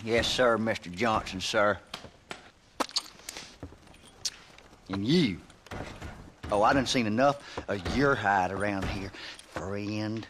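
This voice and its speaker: An actor playing a surly, hostile small-town deputy with a coarse, sneering in a western video game. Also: male voice, fairly low pitch, slow, noisy background.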